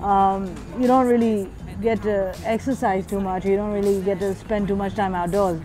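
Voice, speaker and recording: A woman's voice: medium pitch, steady tone, normal speed, low-quality recording. A woman in her thirties who grew up in Switzerland, a graffiti artist speaking reflectively in a documentary interview, thinking aloud with small restarts. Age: 30s. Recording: hip-hop music playing underneath.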